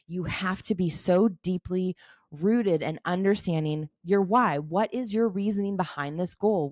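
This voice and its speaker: A woman in her forties with a fairly low voice talks candidly as a coach, casual and blunt, with the odd swear word. The sound is dry and close, with no room echo at all. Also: darkish tone. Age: 40s. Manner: frank, swears casually, laughs easily.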